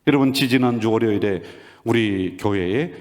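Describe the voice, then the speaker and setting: A male senior pastor preaching a sermon in an animated, rhetorical way, often calling out to the congregation directly. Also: lowish voice, normal speed. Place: church sanctuary. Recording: long reverb of a church sanctuary.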